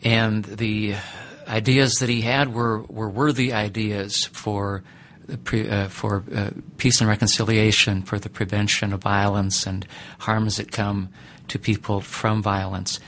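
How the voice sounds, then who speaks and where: Responding to interview questions, this middle-aged man who teaches ethics speaks with careful deliberation and frequent pauses. His pitch is on the low side with little movement, and the sound is a bit bright.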